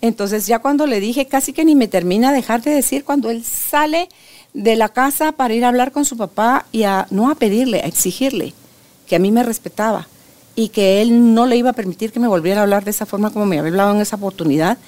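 Emphatic older woman, bright lively storytelling. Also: a little high. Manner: animated, emphatic storyteller with quick asides. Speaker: grandmother sharing relationship advice. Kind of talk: casual interview conversation.

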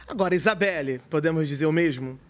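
A Brazilian man co-hosting a casual, lively chat show. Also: fairly high pitch, fast talker. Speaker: talk show co-host.

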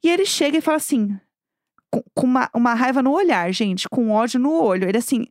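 Young woman, high voice, dry close sound, lively storyteller, casual podcast co-host. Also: a little fast, dry recording. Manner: animated storyteller acting out quoted voices.

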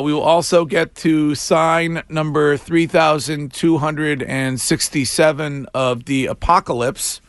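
A man's voice: on the high side, fairly bright tone, no echo, studio quality. A man hosting a morning radio show, joking and reading out listener texts. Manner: joking, self-deprecating, reads listener texts. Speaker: radio host.

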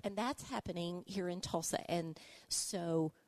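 A woman's voice: on the low side, a little slow, darkish tone. A woman with an Arkansas accent explaining history conversationally in an interview, step by step like a teacher checking that the listener follows. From Arkansas, United States. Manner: didactic, step by step, with check-in questions. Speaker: guest explaining local history.

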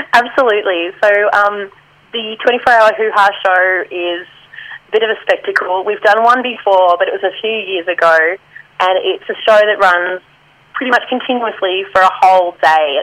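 Woman, improv performer guest, friendly chatty read, mid pitch, easy laughs. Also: fairly bright tone, poor audio. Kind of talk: casual interview chat.

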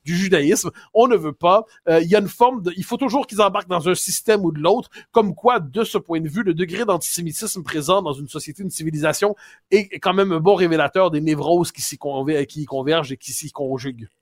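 Man, Québécois accent, high voice, animated talk-show commentary, dry close sound. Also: a little fast, no room sound. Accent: Québécois French. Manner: animated, digressive, many restarts and repeated words.

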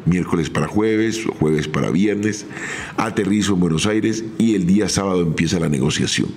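A middle-aged man with a Colombian accent, a former footballer telling his own career story in a measured, step-by-step podcast monologue. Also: low-pitched, a little mellow, slight background noise. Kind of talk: first-person podcast storytelling.

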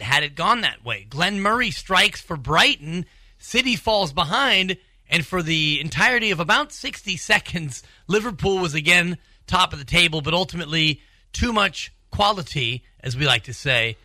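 A man with a very bright, punchy voice, pitched a bit high, hosts sports talk. He delivers recaps and questions, recorded dry and close. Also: no room sound. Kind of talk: presenting recaps and asking questions.

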